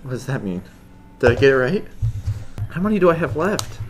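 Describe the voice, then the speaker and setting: A man's voice: mid-range voice, big pitch swings, brisk. A man co-hosting a casual challenge video, groaning and squeamish as he talks. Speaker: co-host. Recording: clear background noise.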